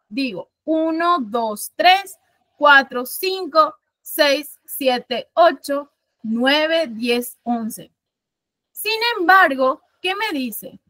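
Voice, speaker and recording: A woman's voice: sits high, fairly bright tone, dry recording. A woman from Paraguay teaching a literature class, explaining things step by step, counting syllables aloud and often correcting herself mid-sentence. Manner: frequent self-corrections and fillers. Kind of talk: online class lecture.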